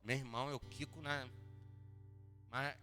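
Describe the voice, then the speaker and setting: Male Rio pastor, bright fairly high voice, animated sermon, church hall reverb, soft guitar underneath. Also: a little slow. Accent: Brazilian Portuguese, Rio de Janeiro. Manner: animated preaching, swings from quiet to loud, jokes with congregation. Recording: long hall reverb, faint guitar behind.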